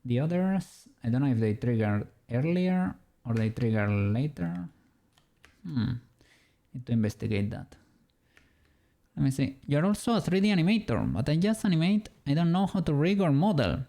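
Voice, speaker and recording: His voice sits on the high side, sing-song, creaky, and warm, moving at a moderate pace. A Spanish-accented streamer and 3D rigger from Spain, he chats with viewers and laughs lightly while working on an animation.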